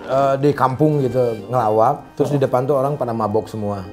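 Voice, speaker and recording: A man's voice: mid-range voice, brisk, soft background music. A man chatting casually as a comedian host, telling anecdotes animatedly and repeating phrases. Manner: animated storyteller acting out what others said; slangy, repeats phrases for emphasis. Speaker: comedian and talk show host. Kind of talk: casual chat with comic anecdotes.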